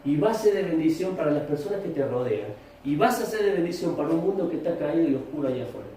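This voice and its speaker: A man's voice: on the high side, expressive, quick pace, warm tone. A man with a Rioplatense Spanish accent preaching a sermon as pastor, questioning his congregation. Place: church hall. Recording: echoey room, distant mic, faint noise.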